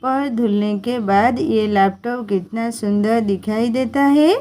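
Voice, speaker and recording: A woman's voice: fairly high pitch, slow, mellow. A woman voicing a naive, eager young daughter-in-law who asks earnest, literal questions. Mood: innocent.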